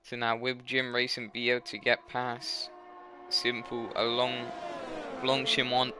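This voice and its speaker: A man's voice: medium pitch, completely flat delivery, a little slow, noisy background. Tired young man commentating sim racing. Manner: rambling, self-correcting, tired. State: tired, yawning. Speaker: race commentator.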